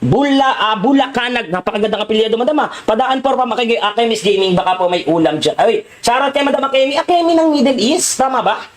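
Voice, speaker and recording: A man's voice: high voice, fast, few pauses. A man with a Filipino accent giving playful, teasing commentary while live-streaming a game and greeting his viewers.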